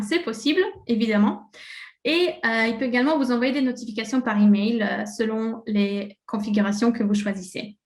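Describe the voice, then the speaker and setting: Chatty Swiss-French woman presenting in an echoey room. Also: fairly high pitch. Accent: French-speaking Swiss, speaking in a French way. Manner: casual and chatty, many fillers, laughs at slips. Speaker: presenter of a software webinar. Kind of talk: live webinar presentation.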